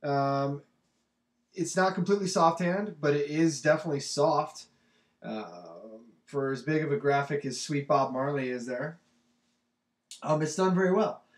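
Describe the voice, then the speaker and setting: Reviewing t-shirts for his vlog, this young man rambles casually with lots of ums, his nose blocked by a cold. His voice is fairly high and a little slow, captured in an echoey room.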